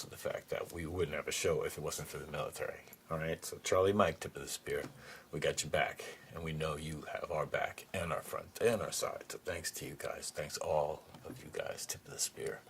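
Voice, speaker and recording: A man with a very low voice hosts a one-man political commentary podcast. He is sarcastic and profane, piling up mocking rhetorical questions. He drops to mutters, then springs up in sudden high-pitched outbursts of disbelief, with a faint hum of room noise behind him. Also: fairly even intonation, fairly quick, vocal fry, a bit bright. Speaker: podcast host.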